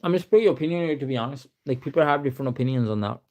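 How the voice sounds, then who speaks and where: His medium-pitched voice is a little mellow but races along as this young Pakistani man chats casually on a live stream. He tends to ramble, reads answers aloud, and says "to be honest" again and again.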